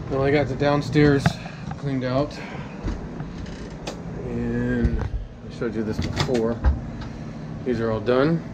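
Over background noise, a sailing vlogger with a mid-range voice narrates casually while working on a boat and at a marina. He films on a handheld camera at arm's length, and its noisy action-camera audio carries an ambient hum.

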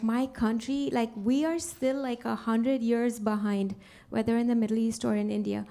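A woman's voice: a little high, dark tone. A woman from Liberia asking a question from the audience in a conference hall, rambling with many "like" fillers.

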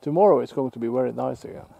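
This man from Norway, an outdoor vlogger, speaks accented English in a mid-range, husky voice with vocal fry. Alone and fishing by a lake, he offers casual, musing commentary that halts and restarts. He's off camera, captured by a camera set on the shore.

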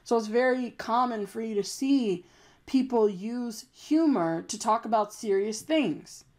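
This YouTube commentator is a young adult woman whose young-sounding, youthful voice is a little high and a little mellow, at a measured pace. Her unscripted commentary rant is blunt and emphatic, with a lot of swearing.

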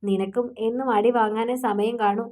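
Audiobook part: a woman reading a gruff yet tender young man, in a fairly high voice. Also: steady tone, moderate pace, mellow, close to an everyday voice. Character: stern but tender young man, lover.

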